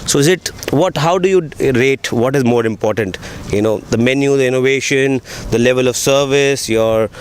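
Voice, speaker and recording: A man from India interviewing a chef, chatty and filling his questions with "you know" and steady affirmations. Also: medium pitch, moderate pace, few pauses, clear, resonant tone. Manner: chatty, with many fillers and affirmations.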